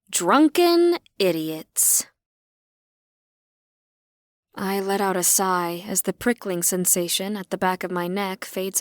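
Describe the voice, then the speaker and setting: A woman narrating a dark fantasy audiobook in first person, with even, wry storytelling. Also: medium pitch, no echo. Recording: dry.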